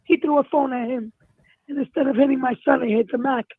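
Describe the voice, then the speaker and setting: A middle-aged woman with a hoarse, failing voice, a caller giving an emotional personal account in distress. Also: sits high, steady tone, fast, no echo. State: losing her voice, distressed. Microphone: phone call. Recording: tinny, narrow phone-line sound.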